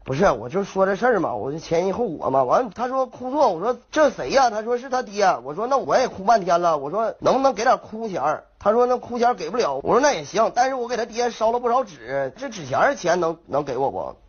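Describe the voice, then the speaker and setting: A man's voice: sits high, very animated, quick pace, few pauses, breathy edge. A young man with a Northeastern Mandarin accent rambling through a prank phone call with feigned innocence. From Northeast China. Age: young adult. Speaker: prank caller.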